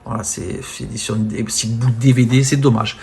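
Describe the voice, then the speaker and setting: A man chatting casually about films from his collection, full of fillers, often trailing off softly at the ends of phrases. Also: medium pitch, fairly even intonation, a little fast, vocal fry, breathy edge. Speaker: film collector presenting his steelbooks. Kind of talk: casual unboxing-style chat.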